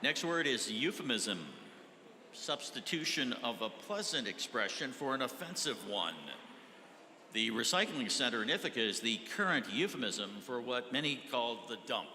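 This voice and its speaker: A man, pronouncing and defining words at a spelling bee, spelling them out slowly letter by letter with a dry joke now and then. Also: mid-range voice, animated, bright, forceful tone. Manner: slow, deliberate letter-by-letter spelling, dry jokes. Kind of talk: reading words and definitions aloud. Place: large event hall with an audience. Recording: echoey hall, faint noise.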